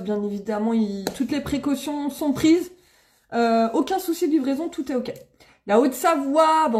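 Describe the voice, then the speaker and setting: A woman from the Paris region hosts a live makeup stream, talking straight to her followers. Her voice sits high and swings up and down with bubbly exclamations and frequent laughs. The sound carries the echo of a room. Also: a little mellow. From Seine-et-Marne, France. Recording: echoey room.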